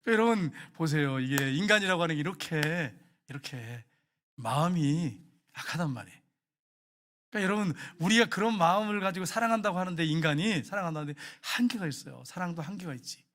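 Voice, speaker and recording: A man preaching a sermon in a church, telling a lively story, acting out the quoted lines and chuckling along the way. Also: on the high side, fairly quick. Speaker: pastor. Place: church sanctuary.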